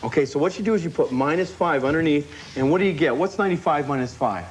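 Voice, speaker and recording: A man's voice: fairly high pitch, fast. A man teaching step by step in a live infomercial demonstration, encouraging and prompting with questions. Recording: noisy studio with audience behind.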